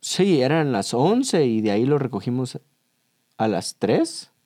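A man co-hosts a relaxed faith-themed talk. He tells family stories in an animated way and acts out what each person said. The recording is dry and close. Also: mid-range voice, measured pace, no echo. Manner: animated storyteller, acts out quotes. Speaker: co-host, father. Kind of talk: casual chat with devotional reflection.

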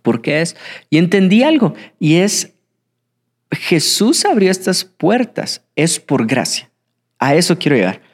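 A young man preaching a sermon, swinging between excited bursts and hushed, reflective passages. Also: high voice, unhurried. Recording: hall with long reverb.

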